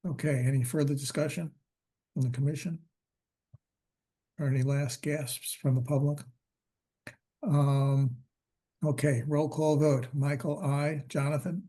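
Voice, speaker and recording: A man chairs a public commission meeting over a video call, running motions and roll calls in a plain, procedural way. His voice is mellow, low in brightness, a little high in pitch and steady in tone, but he is losing it. He speaks haltingly, stopping on fillers.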